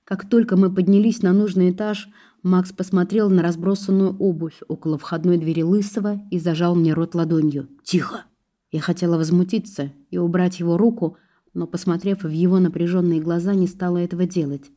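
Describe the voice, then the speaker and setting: Female storyteller with a low, mellow voice; reads first-person fiction in a steady, measured way. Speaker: audiobook narrator.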